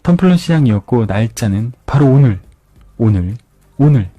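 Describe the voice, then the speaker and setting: A man calmly retelling a crime novel for an ASMR book review, often repeating phrases for effect. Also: mid-range voice, moderate pace, dry recording. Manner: calm storytelling with repeated phrases. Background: soft background music.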